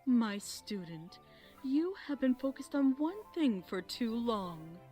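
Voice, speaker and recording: A woman plays a regal pony princess in an audio storybook drama. She is a kindly, patient mentor with a fairly high, expressive voice. Her delivery is measured, formal and gently firm, with music behind her. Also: heavily acted. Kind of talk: dramatic fan-fiction audio reading.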